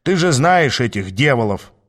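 A smooth-talking male demon, glib and haughty, always a step ahead of everyone, as a man reads him aloud. He speaks a touch higher and brighter than the narrator's plain voice, persuasive and sure of himself. An audiobook character reading. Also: sing-song, normal speed, close to an everyday voice. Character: cocky scheming male demon, smooth talker.

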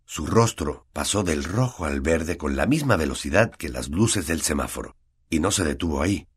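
A male audiobook narrator with a Latin American Spanish accent and a deep, husky voice. He tells the story expressively, with lively rises and falls. The reading is steady and engaging. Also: normal speed.

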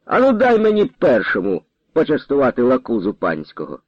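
A man voicing a stern male ataman who speaks gruffly and gives harsh orders, with a lively pitch. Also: a little fast, dry recording, muffled recording. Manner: gruff and commanding.

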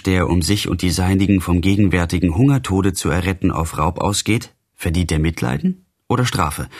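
A man's voice: deep voice, slightly rough. A man giving an impassioned, declamatory first-person reading of a classic novel in an audiobook. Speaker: reader.

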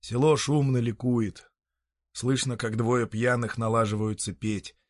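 A man narrating a literary story in a calm, measured way. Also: mid-range voice, no room sound, studio quality.

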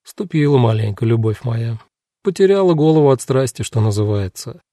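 A man voicing a sharp-tongued, defiant young woman prisoner who snaps back sarcastically. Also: medium pitch, animated, moderate pace, no echo, studio quality, natural voice. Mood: snappy. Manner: snapping, sarcastic.

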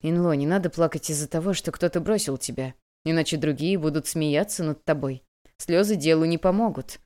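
A woman voicing a young male eunuch who speaks calmly, coldly and mockingly. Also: deep voice, brisk, natural voice. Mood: soothing. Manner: calm, cold, taunting.

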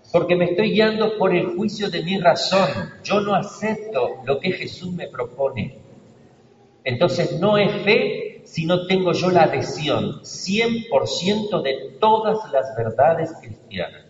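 A priest from Argentina giving a sermon, preaching emphatically with sudden loud stresses and hushed asides. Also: male voice, on the high side. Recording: distant roomy church recording, dull sound, faint noise.

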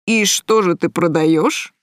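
A woman reading an audiobook voices a cocky young male thug who talks in a slow, sneering drawl. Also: on the low side, no echo, studio quality.

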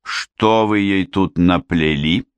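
A formidable widow who thunders out her demands in slow, commanding phrases. A man voices her in a low, dry read. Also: fairly even intonation, a bit bright, smooth, no room sound. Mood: imperious. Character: imperious, formidable middle-aged widow.

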